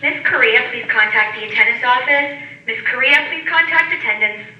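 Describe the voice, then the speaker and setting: A woman making a school announcement over a PA system, heard from a distant loudspeaker. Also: on the high side, moderate pace, muffled recording, a little hiss or hum. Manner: calling out a name, formal announcement. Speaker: school office staff.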